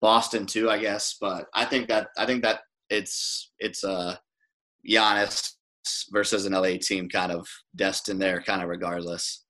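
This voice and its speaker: A man's voice: low voice, little pitch movement, a little slow, pushed and bright. A man co-hosting a casual sports podcast, rambling with restarts and swearing. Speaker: podcast co-host.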